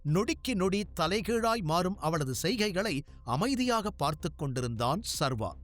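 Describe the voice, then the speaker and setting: A man narrating a dramatic audio story in an expressive storytelling manner. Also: high-pitched, moderate pace.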